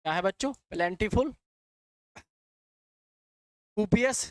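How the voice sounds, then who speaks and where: Speaking slowly and at a high pitch with no echo, this man teaches English vocabulary in a classroom lecture. He says every word twice over and drills his students back and forth, calling them "beta" and "bachche."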